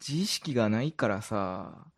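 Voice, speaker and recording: A man's voice: lowish voice, expressive, a little slow. A man with an Osaka-area Kansai accent chatting casually and giggly as a podcast host. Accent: Kansai (Osaka-area) Japanese. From Kansai, Japan. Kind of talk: casual chat.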